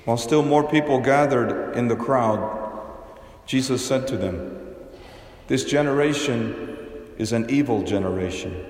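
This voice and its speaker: A man serving as priest, giving a gospel reading and homily in a measured, deliberate way with dry humor, in a large church. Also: mid-range voice, a little mellow, slight background noise. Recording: long cathedral-like hall echo.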